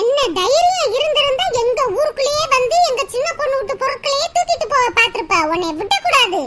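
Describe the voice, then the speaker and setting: A woman's voice: extremely high pitch, lively intonation, quick pace, heavy background noise. A woman voicing a gossiping older village neighbour in a cartoon, chattering away. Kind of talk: cartoon voice acting.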